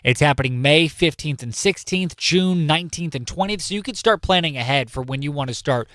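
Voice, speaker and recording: A man's voice: a little high, fairly quick, fairly bright tone, no room sound, clean studio sound. Joking, chatty male radio news host. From California. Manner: chatty and jokey, explains things by repeating himself. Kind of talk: casual talk radio news. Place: radio studio. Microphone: studio microphone.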